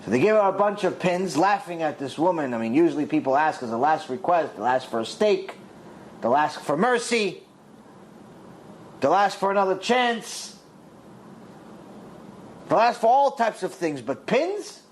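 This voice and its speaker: Male rabbi, sermon storyteller, lively swooping delivery, slightly high voice, faint hiss behind. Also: normal speed, long pauses, poor audio. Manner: dramatic storyteller, voices the characters with big pitch swings.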